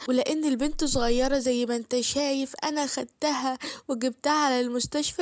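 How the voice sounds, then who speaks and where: A woman's voice: sits high, no room sound, studio quality, natural voice. A woman with an Egyptian accent voicing a kind middle-aged neighbor woman who soothes and then protests her innocence.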